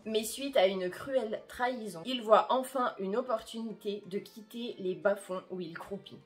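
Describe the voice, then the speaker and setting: A woman hosts a casual vlog about new anime, her voice sitting in an ordinary middle register. She chats loosely and pokes fun at herself with small fillers. Then she moves into steadier, read-out plot summaries. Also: medium pitch. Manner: chatty and self-deprecating, with frequent "euh" and "entre guillemets". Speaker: anime video presenter.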